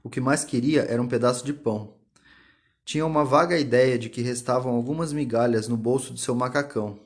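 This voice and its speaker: Reading a novel aloud, this medium-pitched man works as an audiobook narrator, and his scripted delivery stays calm and measured.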